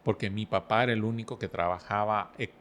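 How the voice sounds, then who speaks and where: Calm man telling stories. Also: fairly low pitch. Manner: storytelling, explains with analogies, calm and measured. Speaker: podcast guest speaker. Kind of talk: relaxed podcast conversation.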